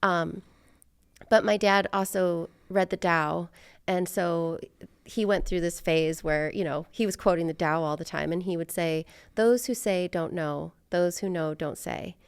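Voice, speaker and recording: A middle-aged American woman hosts a podcast, talking casually and reflectively as she rambles through her thoughts and gently puts herself down. Her lowish voice is smooth and clean with some vocal fry, steady in tone and measured in pace. The recording is close and dry, with no echo.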